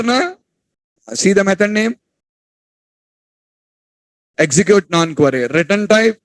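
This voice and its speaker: A man teaching a class, repeating points, quizzing students and scolding them to speak louder. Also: sits high, no echo, poor audio. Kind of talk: classroom lecture.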